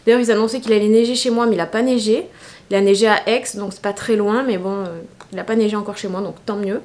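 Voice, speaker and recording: A woman's voice: medium pitch, steady tone, fast talker, a little mellow. A tired young woman, chatting casually through a get-ready-with-me vlog in her bedroom, rambling with many fillers. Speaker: beauty vlogger.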